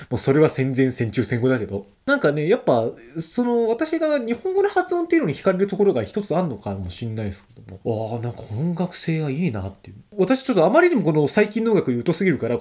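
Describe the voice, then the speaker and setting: A man's voice: fairly high pitch, darkish tone, breathy edge. A man hosting his own radio-style podcast alone, chatting in a rambling, self-deprecating way with somewhat slurred articulation. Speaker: podcast host. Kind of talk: casual solo radio-style podcast talk.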